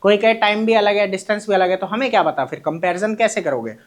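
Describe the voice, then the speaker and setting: This high-pitched man talks fast as he lectures a classroom. He keeps firing short questions at his students, supplies the answers himself, and fondly calls them his children.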